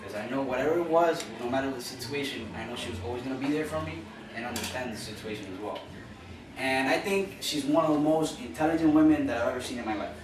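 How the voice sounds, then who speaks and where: With a crowd audible behind him, a young adult man from Cuba talks fast at medium pitch. The college student's classroom speech is sincere and informal, full of restarts and repetitions, and the noisy, echoey recording is taken from far away.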